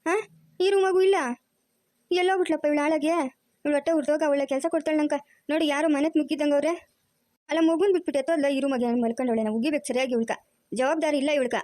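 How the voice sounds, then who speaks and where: A frantic, scolding grandmother in a cartoon family drama, acted by a woman with a rural Chikkaballapur Kannada accent. She talks high and fast in a dark, mellow tone, close and dry on the mic. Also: steady tone, no room sound, natural voice. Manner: scolding, wailing. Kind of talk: cartoon voice acting.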